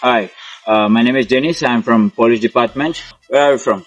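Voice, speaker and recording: A man playing a stern, slow-talking police officer. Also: mid-range voice, lo-fi sound, faint music behind. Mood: stern questioning. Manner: slow, deliberate, stern English. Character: stern male police officer questioning a student.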